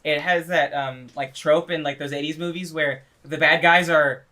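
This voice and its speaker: A man's voice: a little high, fairly even intonation, moderate pace, bright, forceful tone. A man co-hosting a casual podcast, laughing often and swearing lightly as he chats about horror movies. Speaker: podcast co-host. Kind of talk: casual chat.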